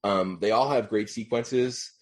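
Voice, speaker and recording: Low-voiced hesitant man in his forties. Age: 40s. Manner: hesitant, many ums, drawn-out pauses. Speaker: podcast guest. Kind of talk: casual chat.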